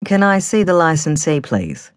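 A woman's voice: deep voice, big pitch swings, normal speed, no echo, studio quality. Woman voicing a firm, polite female detective. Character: poised professional female police detective.

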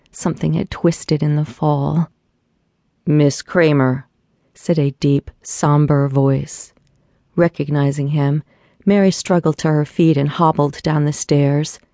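Low, dark-voiced woman narrating an audiobook. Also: dry recording, clean studio sound.

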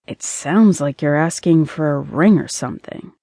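A man's voice: fairly high pitch, moderate pace, vocal fry, a little mellow, dry recording, clean studio sound. A woman voicing a casual, commitment-shy young boyfriend in an audiobook, with a breezy, evasive way of talking.

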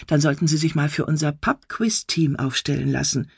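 A woman reading an audiobook, voicing a calm, unflustered young female office assistant. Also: low voice, normal speed, vocal fry, husky, no room sound, studio quality, exaggerated voice.

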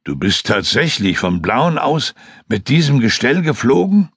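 A man voicing a gruff, blunt-talking male forest hunter. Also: mid-range voice, sing-song, a little slow, a bit bright, dry recording, studio quality, pitched above the performer's own voice, full character voice. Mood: incredulous. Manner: blunt, coarse-mouthed.

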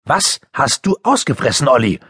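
A man's voice: medium pitch, very animated, pushed and bright, breathy edge, no room sound, clean studio sound, pitched above the performer's own voice, full character voice. A man voicing a bold, bossy teenage girl who scolds her younger brother. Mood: scolding. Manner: quick, scolding.

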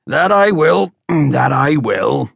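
A man voicing a burly, boastful axeman who is tipsy, with a deep rumbling voice and slow, swaying delivery. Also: lively intonation, vocal fry, a bit bright, slightly rough, no echo, studio quality, exaggerated voice. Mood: sheepish. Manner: tipsy, swaying, hiccuping toasts. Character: burly drunken male axeman, boastful and gruff.

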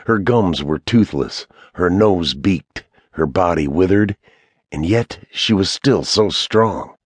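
Man, audiobook narrator, measured, low, husky, slow. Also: no echo. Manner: measured, even storytelling. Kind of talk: scripted fantasy audiobook narration.

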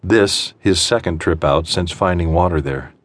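With a low-pitched voice, a man delivers suspense fiction as audiobook narration. Measured, deliberate phrasing and dramatic pauses mark his reading.

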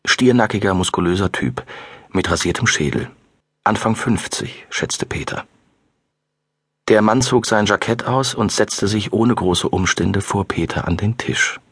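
Low, husky male audiobook narrator. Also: lively intonation, measured pace, no echo. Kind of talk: scripted narration.

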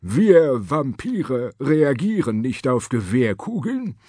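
A genteel tired vampire, breathy, slow and formal, lively pitch, dry audio. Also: male voice, no echo, exaggerated voice. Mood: polite weary. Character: old-fashioned male vampire, weary and overly polite.

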